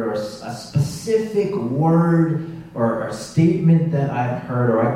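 Guy preaching in a church, mellow voice, super echoey, mic kinda far off w/ a hum. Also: fairly high pitch. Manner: conversational, self-deprecating, with restarts. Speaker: pastor. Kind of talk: sermon. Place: church sanctuary.

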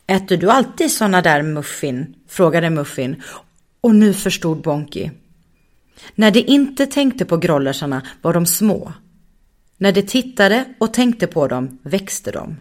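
A woman narrates a children's story at a calm, measured pace. Her voice sits slightly low for a woman. The reading is steady and unhurried.

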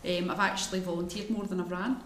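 Scottish woman, podcast guest, lower pitch, candid and plain-spoken, recorded in a reverberant room. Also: fairly even intonation, fast talker. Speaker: guest runner. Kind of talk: live podcast interview. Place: room at a live event. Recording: echoey room, faint noise.

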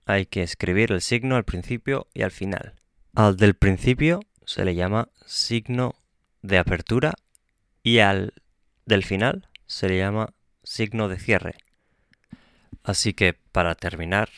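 Male podcast teacher, lowish voice, unhurried lesson delivery, dry close sound. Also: clear, resonant tone, no echo. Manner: calm and explanatory, with small slips and self-corrections. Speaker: Spanish teacher and podcast host. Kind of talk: slow, clear podcast lesson for learners.

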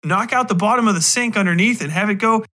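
Talking fast in a high, bright, forceful voice, the podcast host launches into a sweary movie rant. He's casual but exasperated, sarcastic and emphatic throughout.

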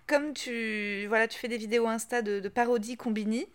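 A woman hosting a casual podcast interview, cheeky and teasing, firing off quick questions. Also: a little high, fairly even intonation, clean tone. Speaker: podcast host.

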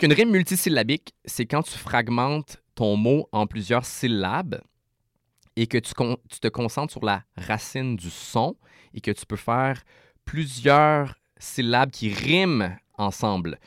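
A man with a Québécois French accent, a rapper guest explaining rhyme in a casual interview, animated and full of restarts. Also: mid-range voice, unhurried, no echo, clean studio sound.

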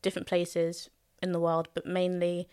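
A woman's voice: on the low side, monotone, normal speed, darkish tone, clear, resonant tone, dry recording, studio quality. A young woman, talking openly and thoughtfully about her time as a student, with plenty of fillers. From London, England. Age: young adult. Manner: thoughtful and candid, many fillers, laughs easily. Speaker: guest recalling her student years. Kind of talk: casual conversation.

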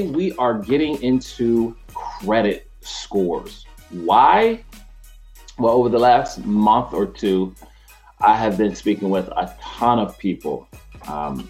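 Deep-voiced energetic man hosting a show. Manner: energetic, chatty, laughs easily. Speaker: host, mortgage professional. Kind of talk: casual talk to camera.

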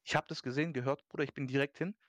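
A man's voice: mid-range voice, rapid-fire, no echo. A young man hosting a podcast, telling a story in casual, slangy German-style chat and acting out the people in it. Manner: animated storytelling, slangy, acts out quotes. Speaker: podcast host.

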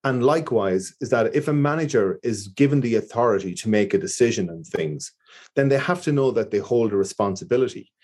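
A man's voice: mid-range voice, expressive, brisk, a little mellow. A man with an Irish accent, a business owner talking earnestly in an interview and repeating his key points. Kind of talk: conversational interview.

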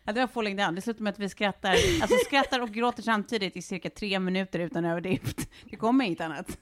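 A woman hosting a casual podcast, brisk and steering the conversation between topics. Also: mid-range voice, a little hiss or hum. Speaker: podcast host. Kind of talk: casual chat.

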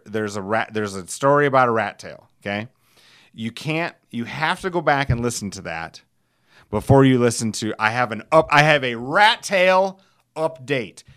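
A middle-aged podcast host with a smooth, clear, fairly bright mid-range voice tells loose, rambling stories, chuckling as he goes. He's folksy and salty, with self-deprecating humor, recorded close and dry.

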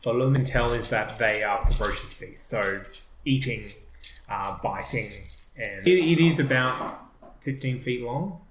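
A man narrating as game master of a tabletop game, halting and full of fillers. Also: mid-range voice. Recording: echoey room with faint noise.

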